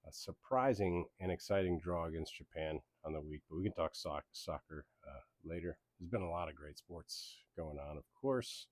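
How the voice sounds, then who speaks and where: A man's voice: low-pitched, moderate pace, no room sound. A man who grew up in Belgium and Germany, hosting a casual sports league recap in an easygoing, rambling way with many ums. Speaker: league host.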